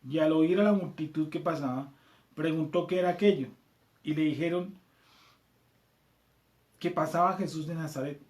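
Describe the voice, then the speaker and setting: A Colombian man leads a scripture class, reading passages aloud and going over them again. His voice sits a little high for a man. The room around him is noticeably echoey. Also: normal speed, pauses often, darkish tone. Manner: reads verses aloud, repeats them, checks in with "¿cierto?". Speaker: Bible study teacher.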